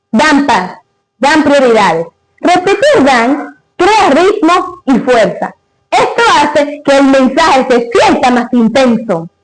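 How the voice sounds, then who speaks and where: Woman, high pitch, scripted lesson narration, didactic, short deliberate phrases. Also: poor audio. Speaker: literature explainer.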